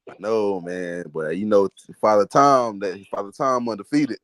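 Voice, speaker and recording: A man's voice: on the low side, moderate pace, a bit bright. A man co-hosting a podcast in casual chat, speaking bluntly with heavy slang and free swearing. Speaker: podcast co-host.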